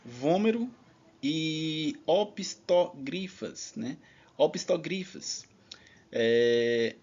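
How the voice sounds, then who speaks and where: A man's voice: fairly high pitch, breathy edge, muffled recording. A man teaching an online exam-prep lesson in a chatty, casual way, leaning on filler tags.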